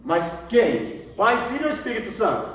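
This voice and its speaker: A man's voice: sits high, sing-song, normal speed. A Brazilian man, a pastor, teaching a Bible class and quizzing his students, often repeating their answers back to them. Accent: Brazilian Portuguese. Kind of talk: classroom theology lesson. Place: large echoey room with students, from far off. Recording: echoey room, voice from far off, faint noise.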